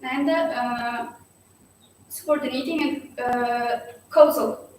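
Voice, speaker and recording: A woman's voice: sits high, takes it slowly, darkish tone, slight background noise. A woman student presenting her research, hesitant and searching for words. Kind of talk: academic presentation. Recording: echoey hall, far from mic.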